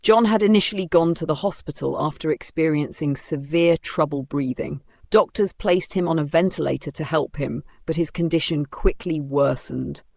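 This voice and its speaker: Dry, gravelly scripted news narrator. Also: medium pitch, normal speed, hardly any pauses, no echo. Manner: even, formal read, sombre tone.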